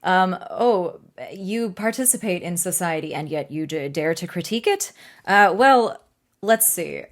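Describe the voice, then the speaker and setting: Chatty sarcastic young woman vlogger. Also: medium pitch. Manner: chatty and sarcastic, with fillers and asides. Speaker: climate video creator. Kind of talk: casual explanatory vlog talk.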